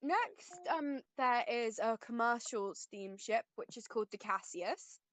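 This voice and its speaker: A woman narrating as game master of a tabletop game, relaxed, with many ums and pauses. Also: on the high side, dry recording, poor audio.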